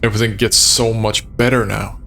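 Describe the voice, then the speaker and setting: Chuckling and enthusiastic, a streamer plays a horror game and talks casually to his audience over soft background music. His fairly low voice is level, a little fast, creaky, pushed, and bright.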